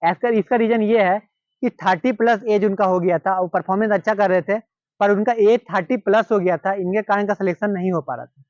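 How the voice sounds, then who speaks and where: Brief: Indian man, high voice, casual storyteller who repeats himself; dry, dull lo-fi sound. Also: a little mellow, no room sound. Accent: Hindi-speaking Indian. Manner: repetitive, conversational retelling with quoted dialogue. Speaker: cricket storyteller.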